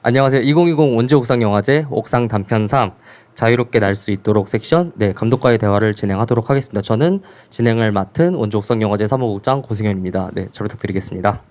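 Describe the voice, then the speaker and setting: A young male moderator runs a festival Q&A in a rapid, lower-pitched voice. He is courteous and formal, and he keeps padding his sentences with small affirming fillers. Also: a little mellow. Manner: polite, frequent filler "ne". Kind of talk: formal hosted Q&A.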